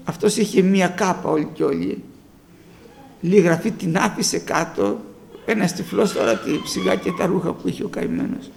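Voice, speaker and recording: Very high-voiced impassioned male preacher. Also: creaky, slight background noise. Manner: impassioned, swinging between hushed storytelling and fervent shouts. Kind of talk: sermon.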